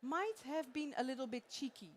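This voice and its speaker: A Dutch woman from the Netherlands presents live in a conference theater, chatty and playful, laughing often and speaking animatedly at a moderate pace. Her voice is pitched slightly higher than the average woman's.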